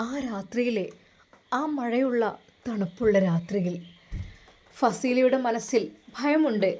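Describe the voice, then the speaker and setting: Woman telling a story, dramatic, emphatic, lots of pauses, bit high voice. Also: darkish tone.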